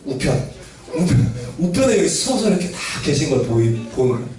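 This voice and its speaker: In a very echoey room, a Sunday school teacher's high voice reaches a far-off mic as he recounts a Bible story for children. He asks them questions along the way and acts out what the characters say.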